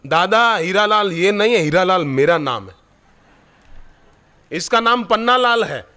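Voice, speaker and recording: A man's voice: sits high, animated, unhurried, pushed and bright, voice pushed up, exaggerated voice. A man voicing an exasperated father who keeps pleading, repeating himself over and over. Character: exasperated father hushing his crying son.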